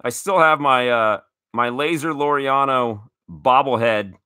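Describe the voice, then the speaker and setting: A man in his thirties hosts a casual card-opening chat, gushing with thanks and tripping over his words as he restarts sentences. His voice is bright and forward. The sound is dry and close, with no room echo. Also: mid-range voice, measured pace, smooth. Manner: enthusiastic, grateful, stammering restarts. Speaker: card collecting show host.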